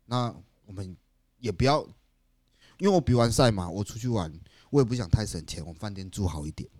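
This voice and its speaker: A man's voice: fairly low pitch, animated, a little fast, darkish tone, no echo. A man with a Taiwanese accent chatting casually and frankly as a podcast co-host, in colloquial speech peppered with English words.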